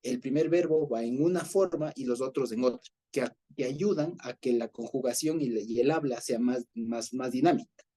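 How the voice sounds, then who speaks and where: A man teaching an informal Bible study, speaking in a mid-pitched, mellow voice. He explains step by step and often stops to check that his listeners are following. His delivery is loose and unhurried, with fillers and restarts as he hunts for the right word. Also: husky.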